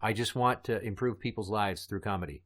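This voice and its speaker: A man's voice: lowish voice, fairly quick. A man hosting a comedy podcast, chatting casually and telling crude, morbid jokes. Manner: dark crude joking, storytelling. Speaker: podcast host.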